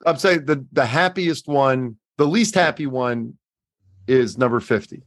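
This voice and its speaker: A man's voice: medium pitch, unhurried, no room sound, clean studio sound. A man hosting a casual podcast quiz, teasing his co-hosts and laughing often. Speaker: podcast host running a quiz.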